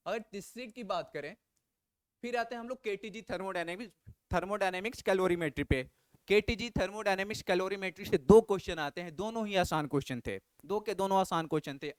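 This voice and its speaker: A man's voice: high voice, darkish tone, clear, resonant tone, dry recording. A man teaching physics, going through an exam analysis and repeating his key advice with emphasis.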